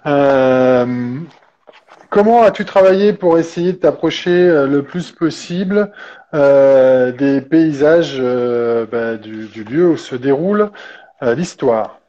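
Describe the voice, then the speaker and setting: A man's voice: medium pitch, slow pace, mellow, muffled recording. A male podcast host asking long, winding interview questions with many fillers.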